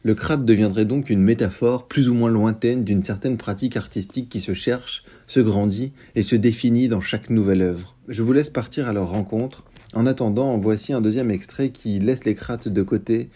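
A man with a deep, dark and mellow tone reads a story aloud at a steady, measured pace. His voice has a husky grain to it. He sounds like a literary reviewer sharing a passage from a novel. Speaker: book reviewer and reader.

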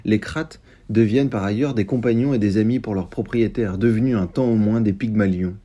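A man with a deep, dark and mellow tone reads a story aloud at a steady, measured pace. His voice has a husky grain to it. He sounds like a literary reviewer sharing a passage from a novel. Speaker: book reviewer and reader.

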